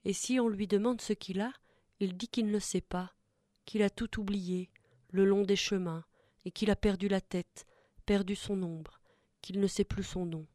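Mellow woman reciting poetry. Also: mid-range voice, steady tone, measured pace, no echo, studio quality. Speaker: reader. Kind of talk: poetry reading.

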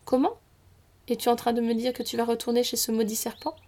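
A woman's voice: on the high side, completely flat delivery, quick pace, a little mellow, close to an everyday voice. A woman reading as an old tearful widow mother. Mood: indignant. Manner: pleading, reproachful.

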